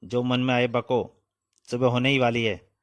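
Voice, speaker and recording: A man's voice: medium pitch, flat delivery, moderate pace, clear, resonant tone, no room sound, close to an everyday voice. A male storyteller plays a ruthless enemy commander. His speech is harsh and scornful, delivered in an ordinary middle register.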